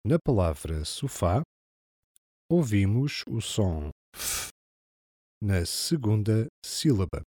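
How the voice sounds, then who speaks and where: Brief: male exam narrator, European Portuguese accent, very slow and deliberate, lowish voice, dry. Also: warm tone, no echo. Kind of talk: scripted narration of a listening test.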